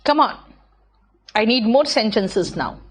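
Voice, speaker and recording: An Indian woman teaches English to a live online class. She reads each student's sentence at a very slow, deliberate pace and praises them by name. Her corrections are patient, and her quick asides come in between. Her voice sits a little high. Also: expressive, husky.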